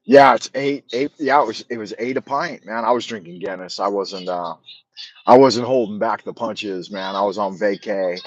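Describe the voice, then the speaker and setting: With a fairly low voice and a normal pace, this middle-aged livestream host speaks bluntly and swears freely, rambling through a casual stream with many restarts and repeated words. The lo-fi recording has no room sound.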